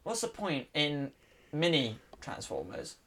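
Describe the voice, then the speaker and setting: A man, co-hosting a casual podcast chat, enthusiastic and rambling, often pausing with "um". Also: a little high, wildly swooping pitch, a bit bright. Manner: enthusiastic, rambling, many ums. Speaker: podcast co-host. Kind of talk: casual chat about comics and TV.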